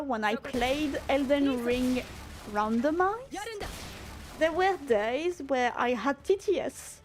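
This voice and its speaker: A woman game streamer with a French accent, chatting casually with her viewers, hunting for English words and letting her pitch swing all over the place. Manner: pitch swings constantly, never one steady tone; laughs often, restarts phrases while searching for English words. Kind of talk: casual live-stream chat, answering chat.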